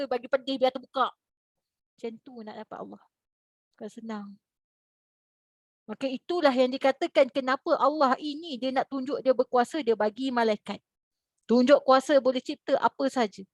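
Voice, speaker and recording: Animated Malaysian woman preacher. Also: a little fast, no echo. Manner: animated, rhetorical questions, sudden high exclamations. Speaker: religious teacher. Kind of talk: lively religious lecture. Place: lecture hall.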